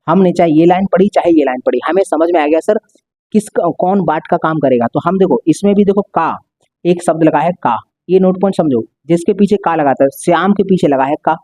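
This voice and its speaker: A man's voice: on the high side, brisk, dark tone, no echo, clean studio sound. A male maths teacher explaining a lesson step by step, repeating and stretching out key words.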